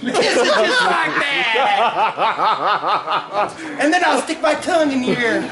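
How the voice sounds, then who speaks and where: A man doing crude live roast banter at a wrestling event, mocking people and often laughing or shouting. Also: extremely high pitch, big pitch swings, measured pace, very noisy. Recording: archive clip with a loud crowd. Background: loud crowd.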